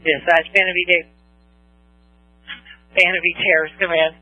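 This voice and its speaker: A man's voice: sits high, little pitch movement, normal speed, narrow, tinny audio. A man making terse emergency responder calls over a two-way radio.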